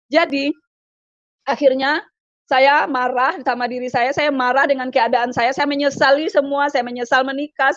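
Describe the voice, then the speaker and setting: A woman with a high voice tells her own story as an emotional personal testimony. She halts and repeats herself and fills pauses with "eh". The recording is dry and a little dull, with no room sound. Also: a bit bright, no room sound. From Palembang, Indonesia. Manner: repetitive, halting, frequent "eh" fillers. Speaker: guest giving a conversion testimony.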